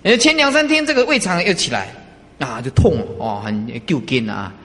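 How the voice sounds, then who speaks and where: A man giving a casual dharma talk as a Buddhist master, conversational and animated, often asking his listeners rhetorical questions. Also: fairly high pitch, normal speed. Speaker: Buddhist master teaching disciples. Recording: reverberant hall.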